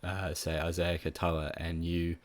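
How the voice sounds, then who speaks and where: A man with a nasal voice from being a bit sick, talking through fantasy tips in a relaxed, casual way with plenty of ums. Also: low voice, a little slow. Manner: relaxed, with frequent ums and restarts. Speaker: fantasy football tipster. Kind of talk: casual solo analysis.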